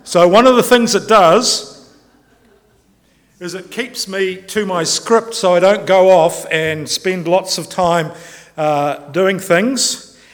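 Chatty New pastor in a reverberant church. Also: male voice, sits high, slow pace. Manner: chatty, joking, self-interrupting. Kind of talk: informal sermon.

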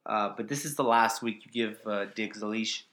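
A man's voice: lowish voice, normal speed, fairly bright tone. A man co-hosting a casual fantasy football talk show, joking and reeling off player stats. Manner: joking, trails off into asides, quotes stats. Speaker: fantasy football podcast co-host. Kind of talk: casual sports chat.

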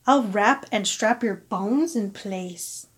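Female reader voicing a motherly storybook mummy, plain and warm-hearted. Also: mid-range voice, slow, husky, pitched below the performer's own voice. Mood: caring. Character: motherly mummy friend, caring.

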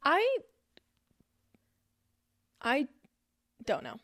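A woman's voice: sits high, wildly swooping pitch, extremely slow, a bit bright. A woman in her twenties co-hosting a podcast, chatting candidly and hesitantly, swearing freely. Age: 20s. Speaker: podcast co-host. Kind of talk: casual chat.

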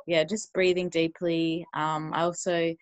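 A woman guest speaking calmly and in a measured way in a casual chat. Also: sits low, no room sound.

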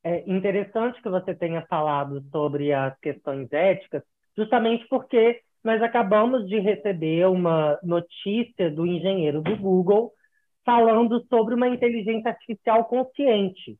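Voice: mid-range voice, normal speed. An interviewer asking a guest questions in a formal way on a live stream, heard over a phone line.

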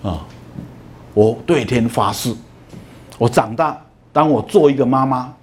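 A man's voice: mid-range voice, darkish tone. A middle-aged man giving a university lecture, telling stories and stretching out "ah" and "oh" fillers. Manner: storytelling, many drawn-out "ah" and "oh" fillers.

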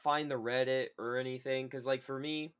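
A man hosts a casual podcast conversation. His voice is bright and smooth, and he is laid-back, laughing easily and chiming in often. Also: medium pitch, fairly even intonation, moderate pace. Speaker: podcast host. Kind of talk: casual chat.

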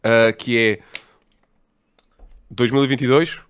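A man's voice: mid-range voice, slow, slight background noise. A man with a European Portuguese accent co-hosting a casual podcast, telling stories in slangy, swearing talk. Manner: slangy, relaxed storytelling with swearing. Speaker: podcast co-host. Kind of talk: casual chat.

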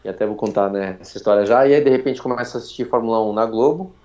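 A Brazilian man in his forties, a former racing driver telling his story as a podcast guest, talking quickly through a nearly closed mouth with little intonation. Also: on the low side, warm tone. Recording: dull lo-fi sound.

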